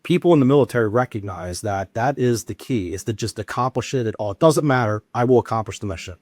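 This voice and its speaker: A man's voice: medium pitch, expressive, fairly quick, a little mellow, dry recording. A man with a Southern American accent, a guest answering interview questions in a talkative way with frequent restarts. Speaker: guest, wellness expert.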